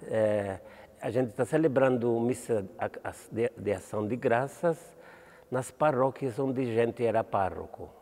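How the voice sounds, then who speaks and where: Big-room acoustics surround a Maltese priest in his seventies as he answers interview questions with a Maltese accent. His mid-range, darkish voice stumbles, restarts words, and often asks "entende?".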